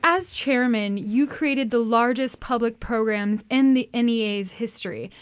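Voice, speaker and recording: A woman's voice: on the high side, a little slow, smooth, dry recording. A woman hosting a radio interview, asking brief, direct questions in a studio.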